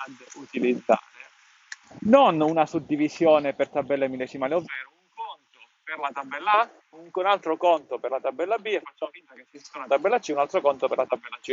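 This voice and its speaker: A man hosting an explanatory podcast outdoors, speaking slightly muffled through a face mask, in a didactic way that repeats key points. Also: on the high side. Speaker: podcast host. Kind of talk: explanatory tutorial to camera. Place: outdoors at a scenic spot. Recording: dull, muffled lo-fi sound.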